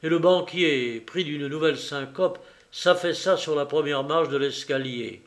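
A man reading a novel aloud as the narrator, in measured, even storytelling. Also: fairly high pitch. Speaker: audiobook reader.

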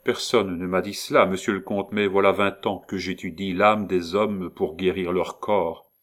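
A man voicing a calm, grave doctor who questions his patient in a low, soothing, measured way, in a storybook reading. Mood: probing. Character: calm, grave male doctor, gently probing.

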